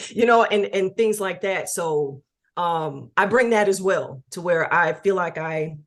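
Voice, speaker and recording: A woman, a music executive producer, talking casually as an interview guest, with lots of fillers and easy laughter. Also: on the low side. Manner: chatty, many fillers, laughs easily.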